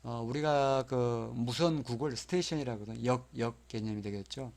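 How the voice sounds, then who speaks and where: A man teaching an exam prep lecture, explaining answers and repeating key terms for students to memorize, spelling English terms out slowly. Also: medium pitch, darkish tone, a little hiss or hum.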